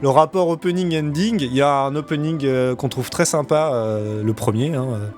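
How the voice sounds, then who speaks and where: Halting male host over faint music. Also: medium pitch, a little mellow. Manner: hesitant, halting, in short bursts. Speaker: show host. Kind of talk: casual discussion of anime.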